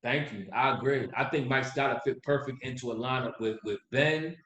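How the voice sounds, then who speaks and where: A man co-hosting a casual sports podcast, animated and quick to laugh, getting heated when he argues a point. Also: mid-range voice, reverberant, poor audio. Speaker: podcast co-host.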